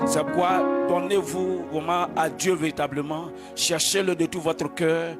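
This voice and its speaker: A man's voice: on the high side, level tone, unhurried. A man leading worship as pastor, preaching fervently and slipping into chanted praise. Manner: exhorting, declamatory, slips into chanting. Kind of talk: fervent sermon with sung praise. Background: loud church music.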